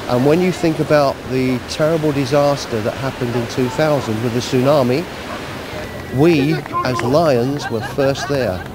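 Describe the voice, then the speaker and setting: A man who organises a charity event, explaining it informally and in a measured way in an outdoor interview. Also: medium pitch. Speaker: Lions club event organiser. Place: outdoors at a seafront. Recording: outdoor street and traffic noise.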